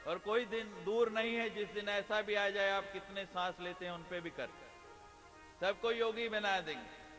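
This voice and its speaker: A man's voice: high-pitched, normal speed, sharp tone. A man preaching a devotional discourse who mixes humorous stories and jokes with questions put to the audience. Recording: long hall reverb, faint music.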